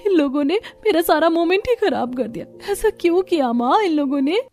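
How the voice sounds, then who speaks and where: A woman's voice: very high voice, lively intonation, normal speed, a little mellow, soft background music. A woman voicing a young, stubborn and sassy daughter-in-law in a cartoon story. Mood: fake crying.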